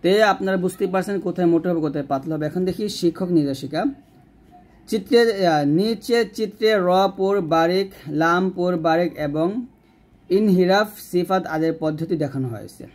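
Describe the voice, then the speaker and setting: A man teaching Quran reading, explaining rules patiently and drawing out slow recited examples. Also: sits high. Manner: patient step-by-step explanation, asks and answers own questions.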